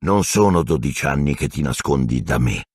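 A man's voice: rumbling low, lively intonation, slightly rough, no echo, clean studio sound, full character voice. A man voicing a bitter escaped prisoner wizard who speaks in a cold, growling, venomous way. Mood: cold menace. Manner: cold, accusing, slow menace.

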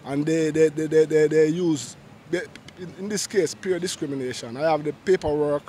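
A man's voice: a little high, steady tone, moderate pace, dark tone. A middle-aged man, telling a painful personal story in a street interview, talking urgently and often restarting his phrases. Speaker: interviewee in a street vox pop. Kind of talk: emotional personal testimony. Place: busy city street outdoors. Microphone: handheld interviewer mic held close. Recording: faint street traffic behind. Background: faint traffic and street ambience.

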